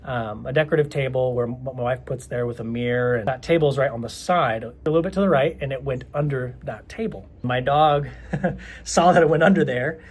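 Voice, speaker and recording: A man's voice: medium pitch, a little fast, husky, poor audio. A man in his thirties earnestly telling personal stories to his viewers, reflective and conversational. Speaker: vlogger. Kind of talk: reflective personal storytelling to camera.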